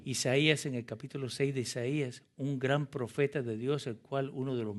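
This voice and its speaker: A man's voice: medium pitch, fairly even intonation, moderate pace. A male pastor preaching a sermon with passion, asking the congregation rhetorical questions and reading scripture aloud.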